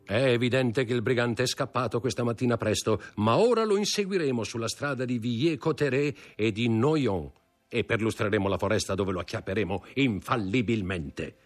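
A self-important gendarme sergeant, put on by a male narrator, declaims in a raised, loud voice. He sounds sure of himself, in a storybook reading. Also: medium pitch, animated, normal speed, soft background music, voice pushed up, natural voice. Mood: confident. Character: pompous male gendarme brigadier, self-assured.

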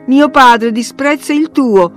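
A woman's voice: fairly high pitch, normal speed, faint music behind, close to an everyday voice. A woman voicing a sickly, spiteful boy who whines and taunts in a sing-song way, in a read-aloud story. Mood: taunting.

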